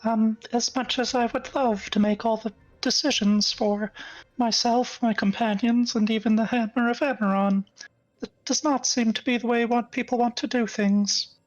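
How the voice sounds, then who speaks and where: A man voicing a polite, measured female adventurer through a voice changer that raises his pitch, with formal, careful phrasing. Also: fairly even intonation, dry recording. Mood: diplomatic. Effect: voice changer raising the pitch to a woman's. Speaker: player. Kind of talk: in-character tabletop roleplay. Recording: dull, dry voice-changer sound.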